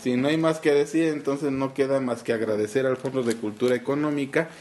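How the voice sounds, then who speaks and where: A woman's voice: very deep voice, fairly even intonation, a little fast, darkish tone. A woman hosting a podcast, patiently asking children about a storybook and often ending with a tag question. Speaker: host of a children's book podcast. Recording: roomy echo with faint noise.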